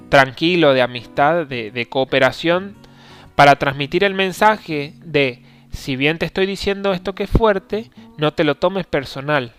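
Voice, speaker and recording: A man hosting an instructional podcast, explaining step by step in a calm, measured way with occasional hesitations. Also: a little high. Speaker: podcast host teaching negotiation.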